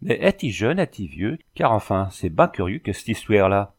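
A man's voice: on the low side, very animated, moderate pace. A man voicing a talkative, curious old widow in a storybook, folksy and pious in manner. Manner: loquacious, folksy.

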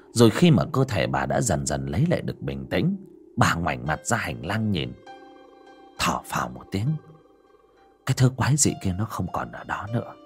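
A man narrating a ghost story in a dramatic, lively storytelling manner. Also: deep voice.

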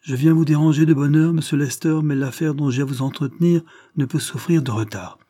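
A man reading the part of a shrewd, authoritative police chief in an audiobook, measured and explanatory. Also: on the high side, warm tone, dry recording, studio quality, pitched above the performer's own voice, lightly acted. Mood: firm.

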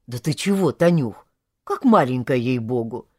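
A woman reading an audiobook, voicing a caring, somewhat awkward young man in a lowered, soft voice. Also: lively intonation, normal speed, slightly rough, no echo, studio quality, full character voice. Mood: gentle. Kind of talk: audiobook character voice.

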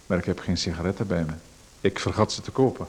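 Playing Macon, a radio-play stranger who is nosy, pushy and overbearing, a man makes himself at home and keeps demanding things. His voice sits low and moves at a quick pace, lightly acted, with a little hiss or hum on the recording.

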